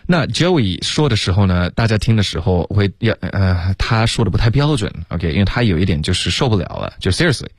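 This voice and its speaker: Man, very low voice, lively intonation, patient pronunciation coaching, dry studio sound. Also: no echo. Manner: explains pronunciation slowly, repeats English words. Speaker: English teacher co-host. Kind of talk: radio English lesson.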